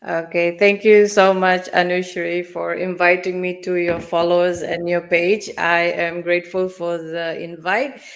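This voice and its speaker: A woman in her forties from Fiji, a guest in a live interview, speaking in a measured, reflective way. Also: fairly low pitch, little pitch movement. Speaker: guest, finance mentor.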